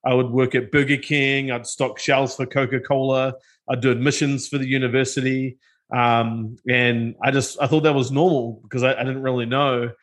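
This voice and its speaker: A middle-aged tech company co-founder with a New Zealand accent tells his story as an interview guest, speaking at normal speed in a level tone. His voice sits in an ordinary middle range. He comes across as loose and self-deprecating, frequently restarting his sentences.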